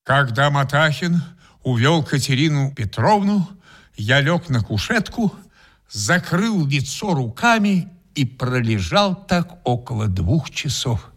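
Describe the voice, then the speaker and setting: A man's voice: fairly high pitch, very animated, takes it slowly, fairly bright tone. Man narrating in a dry, ironic tone. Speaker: narrator and main character. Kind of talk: acted radio reading.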